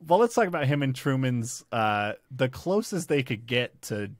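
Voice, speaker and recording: A man's voice: medium pitch, very animated, normal speed, dry recording. A man hosting a podcast, talking casually and rambling with lots of fillers and restarts. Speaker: podcast host. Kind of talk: casual chat about a TV series.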